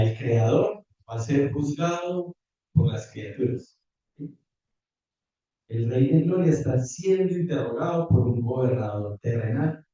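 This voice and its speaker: A man preaching a sermon and reading scripture in a measured, careful way, recorded from afar in a church hall. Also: medium pitch, warm tone. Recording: distant, echoey, muffled church audio.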